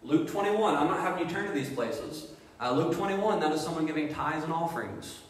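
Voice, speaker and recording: A pastor preaches a sermon in a church sanctuary, his slightly high male voice moving briskly. He is emphatic and fires off rhetorical questions, and the recording carries an echoey hall reverb.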